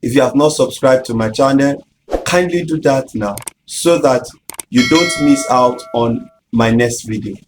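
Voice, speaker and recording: A man teaching English grammar in a measured, explanatory way, speaking directly to viewers. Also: medium pitch, noisy background. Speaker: English tutor. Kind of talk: scripted grammar lesson.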